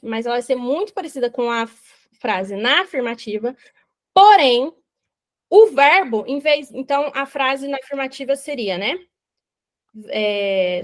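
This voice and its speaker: A young Brazilian woman with a high, bright voice explains grammar step by step, checking in often with her students. She sounds lively and patient as she leads the lesson. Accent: Brazilian Portuguese. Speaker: English teacher.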